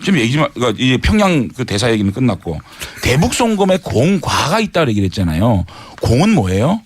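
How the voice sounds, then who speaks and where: A man's voice: medium pitch, sing-song, fairly quick, slight background noise, lightly acted. A man speaking as a presidential candidate in a mock debate, pointed and needling in his questions. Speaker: debate panelist. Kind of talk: mock debate role-play.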